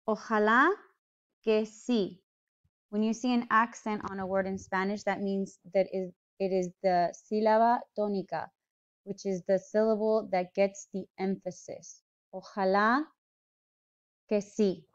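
A woman teaching a slow pronunciation lesson, sounding out each word carefully and repeating it. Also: medium pitch, steady tone, a little mellow, clear, resonant tone. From United States. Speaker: Spanish teacher. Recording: slightly dull, lo-fi sound.

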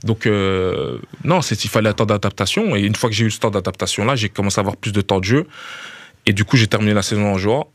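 A footballer in his thirties with a Liège Belgian French accent chats casually as a guest in a small radio studio, speaking quickly, repeating words as he searches for them and dropping a familiar "tu vois." His voice is on the low side, recorded on a studio mic with headphones and no echo.

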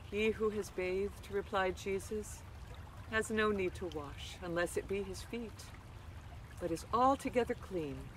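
A woman reading a passage of scripture aloud in a slow, measured way. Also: mid-range voice. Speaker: scripture reader. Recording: distant from the mic with faint noise.

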